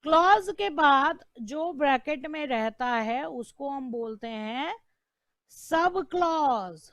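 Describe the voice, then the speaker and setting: Speaking slowly in a high, slightly bright voice, an Indian woman delivers an online exam-prep lecture on law, captured as a dry, clean studio recording. She asks the class questions only to answer them herself, repeats terms, and punctuates her points with "right?" and "clear?".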